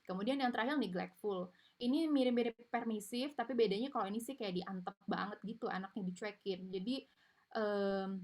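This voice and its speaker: A woman's voice: medium pitch, a little fast, darkish tone. A woman giving an informal online parenting lecture, chatty and explanatory, with frequent tag fillers, over a video call mic. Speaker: parenting webinar speaker.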